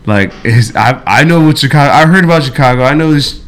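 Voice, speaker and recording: A man telling a story in loose, casual podcast chat. His pitch sits in the middle, and he rambles with many fillers, restarts and curse words. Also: lively intonation, fast talker. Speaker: podcast co-host.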